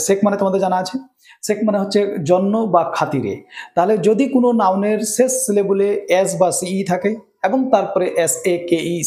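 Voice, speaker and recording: A man's voice: high-pitched, dark tone, echoey room. A man teaching English grammar rules in a lesson, often checking in with his students. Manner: asks students rhetorical check-in questions.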